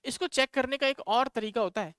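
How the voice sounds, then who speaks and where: A fairly high, bright and crisp male voice with an Indian accent, working through a maths problem step by step for students. He talks them through each line, slipping English terms into his explanations. The sound is close and dry, with no room around it. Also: brisk, dry recording. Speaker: maths teacher. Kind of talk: online exam-prep lecture.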